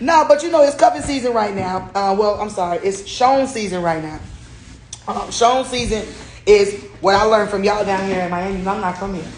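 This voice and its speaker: A man's voice: high voice, normal speed. A man in his forties hosting a casual chat over drinks, loose, joking and profane. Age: 40s. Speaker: host. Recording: echoey room with background noise.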